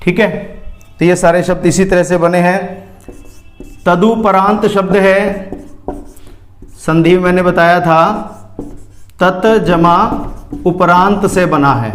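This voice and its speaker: A man teaching a spelling lesson, slowly repeating each word to show how it is said. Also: high-pitched, steady tone, roomy sound, soft background music. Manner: slow, careful, repeats words to show pronunciation. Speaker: Hindi grammar teacher.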